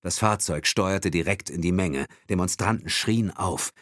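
A man narrating a thriller audiobook in a dramatic, expressive reading. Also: low-pitched, a little slow, dry recording, clean studio sound.

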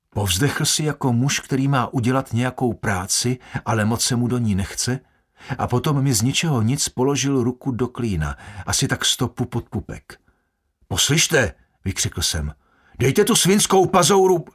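A man reading a first-person audiobook in a measured, grave storytelling manner. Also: medium pitch, slightly rough. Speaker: audiobook narrator.

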